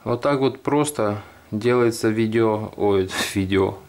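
A man with a slightly low voice presents a casual how-to video. He narrates what he is doing hands-on, step by step, as the host. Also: slow pace, a little mellow, a little hiss or hum. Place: indoors at a desk.

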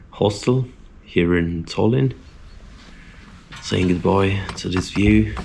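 A man in his thirties filming a casual travel vlog, chatty and relaxed, with self-deprecating asides, recorded on a handheld camera mic. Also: fairly low pitch, gravelly, slight background noise. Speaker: travel vlogger. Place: indoors in a hostel, then outdoors in snowy streets and on a bus.

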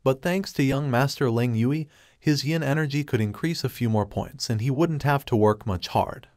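A man narrating a comic recap in a steady, even storytelling manner, reading a script in the past tense. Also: medium pitch, dry recording, clean studio sound.

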